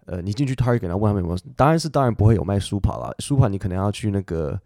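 A man hosting a casual podcast lesson. He chats in a relaxed way, thinks aloud with fillers and restarts, and reads English text slowly and carefully. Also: fairly low pitch, dry recording, studio quality. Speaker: English teacher podcast host.

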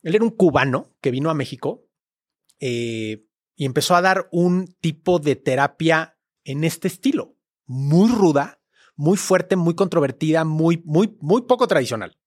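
A man's voice: on the high side, lively intonation, measured pace, no room sound, clean studio sound. A man with a Mexican Spanish accent, a podcast guest telling a personal story in a casual, slangy, emotional way. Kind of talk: candid storytelling.

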